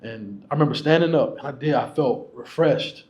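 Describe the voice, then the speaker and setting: A man's voice: mid-range voice, normal speed, darkish tone, lo-fi sound. A man speaking candidly and casually to an audience as a featured guest, laughing often. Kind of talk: candid storytelling to a live audience.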